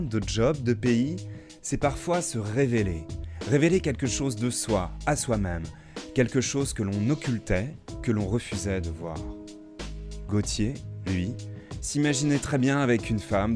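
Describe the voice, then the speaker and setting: Man narrating over guitar music. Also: fairly low pitch. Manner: measured, composed storytelling. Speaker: podcast narrator. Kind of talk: scripted narration.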